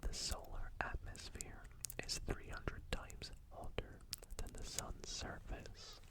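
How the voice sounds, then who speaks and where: A woman whispering facts slowly for ASMR, breaking off into chatty asides about what she reads. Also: poor audio. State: sleepy, yawning. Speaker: ASMR creator. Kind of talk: whispered ASMR fact reading.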